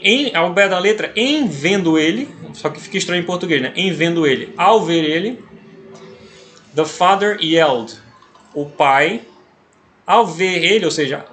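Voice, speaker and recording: A man from Brazil teaching English by reading a story aloud and explaining it slowly and patiently, often checking that the listener follows. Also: on the high side, fairly bright tone. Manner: slow and patient, with frequent checking tags. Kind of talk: explaining a text as an English lesson.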